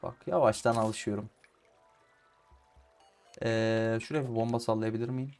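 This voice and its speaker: A young man with in-ear headphones, chatting casually as he plays and often swearing or shouting at the game. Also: on the low side, fairly even intonation, moderate pace, faint music behind. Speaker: gaming YouTuber. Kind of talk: casual let's-play commentary. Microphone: in-ear headphones with mic.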